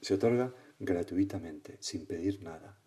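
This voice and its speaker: A male priest leads a guided prayer meditation, speaking in a lowish, mellow voice. He talks reflectively and conversationally, often tagging his thoughts with a gentle question. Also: a little slow.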